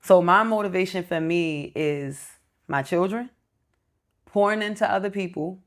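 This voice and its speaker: A woman's voice: fairly low pitch, measured pace. A woman in her thirties talking as an interview guest, earnest and reflective, explaining things step by step in casual chat. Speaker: entrepreneur guest.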